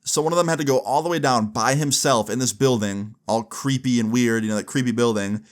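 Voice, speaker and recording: A man's voice: mid-range voice, fairly quick. A young adult man telling a personal story casually, in slangy, sweary language, acting out bits of dialogue as he goes. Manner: informal slang-heavy, swearing, acts out dialogue. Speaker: YouTube storyteller.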